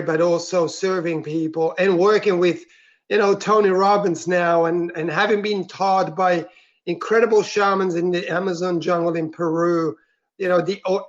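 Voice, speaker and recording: Speaking as an interview guest, a Swiss man with a high voice recounts his own story gently, earnestly, and reflectively. The recording sounds dull and lo-fi.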